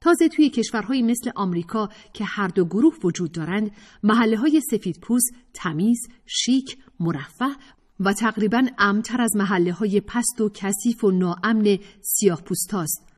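Woman doing a pushy earnest girl lecturing everyone, husky voice, echoey room. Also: medium pitch, expressive, voice pushed up, lightly acted. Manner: pressing, lecturing, impatient. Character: earnest, insistent young woman arguing a point. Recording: reverberant room.

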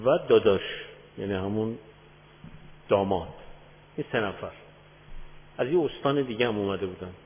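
A man who works as a marriage counselor gives a lecture on marriage, telling anecdotes and asking rhetorical questions. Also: mid-range voice. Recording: echoey hall over tinny phone-like audio.

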